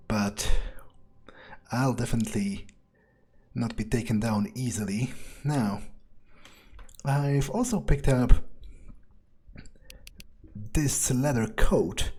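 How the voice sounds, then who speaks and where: A let's player with a husky, darkish, mid-range voice improvises an in-character monologue as a sardonic vampire during gameplay. He muses to himself casually and a bit hesitantly, with dry, morbid humor.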